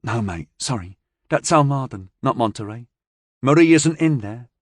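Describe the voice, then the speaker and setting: A woman's voice: very deep voice, expressive, moderate pace, no room sound, clean studio sound, voice pushed up. A male narrator voicing a blunt, slangy young woman aboard a starship. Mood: brisk.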